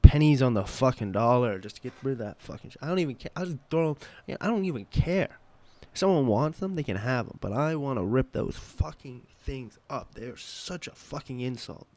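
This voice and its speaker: A man opening trading card packs and ranting angrily with constant profanity, swinging between loud outbursts and low muttering. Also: expressive, brisk. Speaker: card-opening channel host. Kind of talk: ranting booster pack opening.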